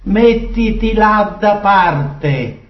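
A man voicing a grieving old king, high and mournful. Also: expressive, very slow, heavily acted. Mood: stately. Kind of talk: dramatic scripture reading. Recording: distant echoey dull recording.

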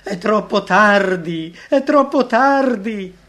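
A man voicing an anguished, remorseful male disciple who cries out hoarsely, slow and loud. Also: high voice, expressive, pitched above the performer's own voice, heavily acted. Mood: despairing. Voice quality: hoarse, shouting.

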